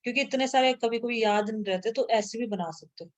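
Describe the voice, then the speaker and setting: A woman's voice: fairly high pitch, fairly quick. A woman teaching a grammar lesson to a class, patiently repeating sounds aloud and checking that students follow.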